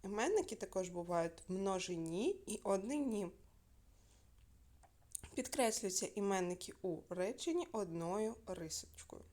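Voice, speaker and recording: A woman teaching a primary school lesson by video, clear and patient, asking questions and answering them herself. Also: medium pitch, lively intonation, a little slow, a little mellow.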